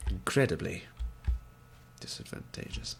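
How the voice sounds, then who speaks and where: Speaking at an unhurried pace, a young adult man with a cold sounds congested as he delivers wry let's play commentary through a headset. He puts on a mock-posh, gentlemanly accent for his gaming videos, and there's slight background noise.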